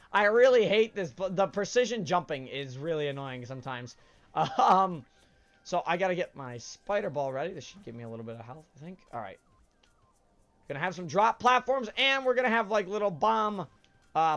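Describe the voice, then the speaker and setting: A man with a fairly high, slightly bright voice, heard through dull audio, hosts a let's play while suffering a stuffy nose from a cold. His gameplay commentary is casual and rambling. He chats away with plenty of uhs and repeated self-corrections.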